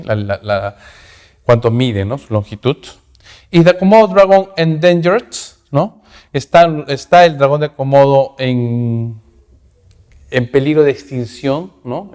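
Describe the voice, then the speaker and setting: A man's voice: mid-range voice, darkish tone, long reverb tail. A man teaching an English class in Spanish, reading English sentences aloud and checking in with his students constantly. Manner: explains in Spanish, reads English aloud, keeps asking "¿no?". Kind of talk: recorded class lesson.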